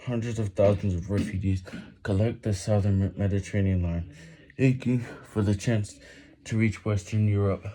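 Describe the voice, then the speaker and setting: A man reading a written text aloud haltingly and with effort while doing push-ups, with some background noise. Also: lowish voice, steady tone, mellow. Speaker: reader.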